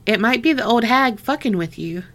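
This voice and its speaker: A woman's voice: a little high, lively intonation, moderate pace, a bit bright. A woman co-hosting a podcast, chatting casually, reading a listener's story aloud, laughing often and swearing freely.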